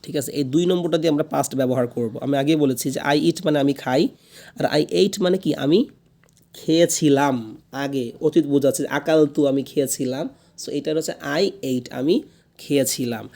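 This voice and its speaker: A man teaching spoken English in a classroom lesson, patiently repeating each word slowly so learners can drill it. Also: fairly high pitch, creaky, warm tone. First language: Bengali.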